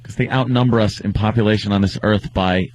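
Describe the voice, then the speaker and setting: A man's voice: lowish voice, steady tone, fairly quick, a little mellow, no room sound. A man hosting a radio show in casual, jokey banter, often sounding incredulous.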